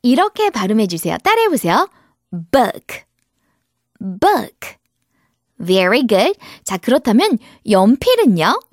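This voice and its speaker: A woman teaching a children's English lesson, her voice bright and lively, swooping up and down as she coaxes the kids along. She lingers over words at an unhurried pace so they can repeat after her. The sound is dry and close. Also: fairly high pitch, dry recording. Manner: animated, coaxing, drills words slowly for repetition.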